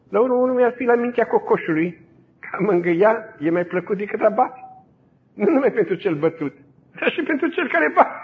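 A man voicing a rough male secret police captain, loud and exclaiming in a retold story, heard over a tinny, phone-like broadcast line. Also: sits high, in a large hall, pitched above the performer's own voice, lightly acted. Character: brutal male secret police captain, gruff then wondering.

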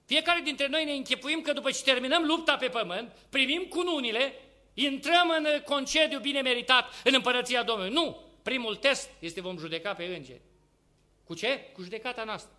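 A man preaching a sermon with passion, swinging between loud urging and hushed asides and firing rhetorical questions at the congregation. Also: very high voice.

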